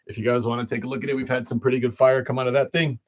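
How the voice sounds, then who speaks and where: Rapid-fire and medium-pitched, with little variation in pitch, a man from Illinois chats casually while running a live sports card break and saying hi to viewers by name. Something is slightly off in his voice. The recording is dry and studio quality.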